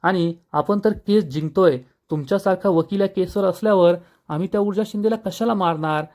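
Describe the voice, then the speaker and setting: A man plays a two-faced male politician in a retold serial, calming a powerful man with smooth reassurances. His voice sits fairly high, and he sounds placating rather than forceful. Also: brisk. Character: sly scared male politician, smooth-talking.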